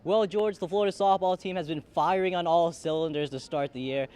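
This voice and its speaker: Fairly high-voiced young man reporting live. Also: brisk. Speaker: sports beat reporter. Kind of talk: live field report for TV news. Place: outdoors at a softball stadium.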